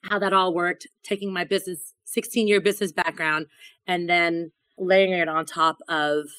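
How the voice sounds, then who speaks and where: A woman chef telling stories in a casual interview, chatty and animated, often repeating words as she goes. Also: lowish voice, moderate pace, clean tone, no echo, low-quality recording. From born in Thailand to Laotian parents. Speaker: chef and restaurant owner.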